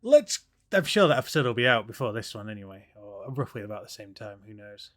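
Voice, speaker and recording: A man's voice: lowish voice, sing-song, fast talker. Sarcastic, rambling male livestream host. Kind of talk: casual live commentary over a game show.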